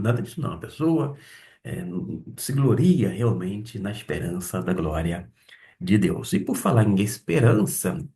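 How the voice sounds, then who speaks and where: Man, Bible Greek lesson, very slow, lowish voice, a little off-mic. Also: mellow, far from the mic. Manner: deliberate, pausing to spell out and repeat Greek words. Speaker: Bible teacher.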